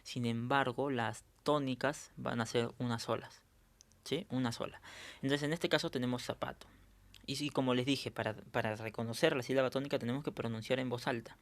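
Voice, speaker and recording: A man's voice: medium pitch, fairly even intonation, a little fast. A male teacher going over a review lesson, explaining step by step and often checking in with his students.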